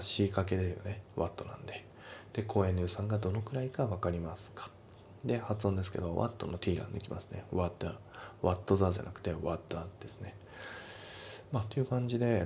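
A man's voice: deep voice, gravelly, dark tone, slight background noise. A man teaching a test-prep English lesson, explaining the grammar step by step and repeating each pronunciation point twice.

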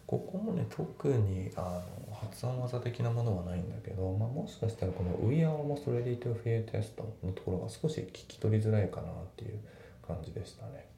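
A man teaching English grammar in a casual, relaxed way, with many fillers, slowing down to read the English example sentences. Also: gravelly. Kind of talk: casual spoken lesson. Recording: echoey room with faint rumble.

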